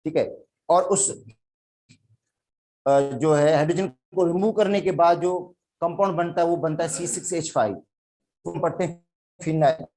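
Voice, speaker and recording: Sindhi-accented guy teaching chemistry, fairly high voice but mellow, goes step by step. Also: unhurried, long pauses. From Pakistan. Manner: explains step by step, calls students "beta". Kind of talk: classroom lecture.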